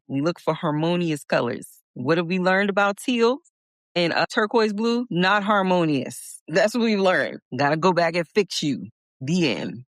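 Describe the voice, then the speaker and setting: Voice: mid-range voice, vocal fry, fairly bright tone, dry recording. Near-fifty coloring tutor, casual live lesson, playful jokes with chat, stretched-out emphasis, dry close sound. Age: late 40s.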